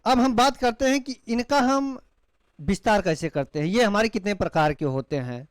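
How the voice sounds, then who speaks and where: Male teacher, smooth clear voice, dry sound; slow demonstrations of drawn-out vowels. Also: sits high, no echo. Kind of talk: classroom lecture.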